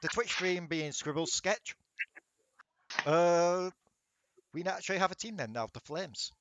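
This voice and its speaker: Give me a dungeon master signing off, casual and swearing, with a dry close sound. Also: male voice, sits high, unhurried, a bit bright, no room sound. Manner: laughing, swearing, rambling. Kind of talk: casual chat at end of a tabletop game session.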